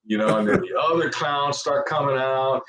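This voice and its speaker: A retired police officer telling stories in casual chat, animated and laughing often. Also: male voice, moderate pace, far from the mic. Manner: animated, laughing, jumps high in pitch when quoting others. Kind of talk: casual storytelling. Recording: roomy echo.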